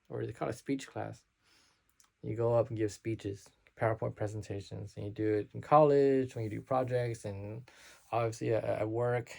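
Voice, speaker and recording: Gravelly, hesitant man vlogging. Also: on the low side, mellow. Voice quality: slurs his words. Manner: hesitant and self-conscious, with many restarts. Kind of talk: unscripted talk to camera.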